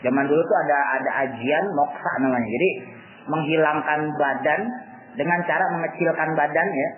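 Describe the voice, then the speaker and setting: A man's voice: fairly high pitch, brisk, crowd noise. A man giving a casual religious lecture in a colloquial, joking way, often acting out what others said. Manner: colloquial and joking, acts out quotes. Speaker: religious teacher. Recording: tinny echoey lo-fi recording with faint noise.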